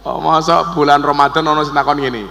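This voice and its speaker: A middle-aged man with a Javanese accent preaching a humorous sermon to a congregation, joking and chanting verses slowly. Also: on the high side, fairly even intonation, gravelly, pushed and bright. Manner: jokey, switches between Indonesian and Javanese, chants verses slowly. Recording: long hall reverb.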